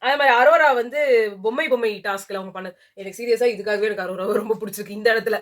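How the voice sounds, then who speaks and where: A woman reviewing a reality show promo in casual chat, animated and mocking as she talks over her co-host. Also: mid-range voice, quick pace.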